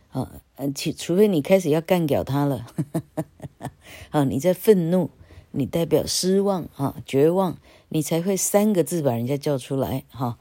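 A woman gives a casual English lesson, chatty and wandering off topic, tagging phrases with "ha" and spelling words out slowly. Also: low-pitched, mellow, dry recording, clean studio sound. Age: 60s. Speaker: English teacher.

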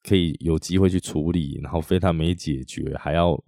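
A man from Taiwan with a Taiwanese Mandarin accent, hosting a podcast and telling a story in a chatty way with many drawn-out tag particles. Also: low voice, steady tone, creaky, mellow, no room sound, clean studio sound. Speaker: podcast host. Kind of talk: casual storytelling monologue.

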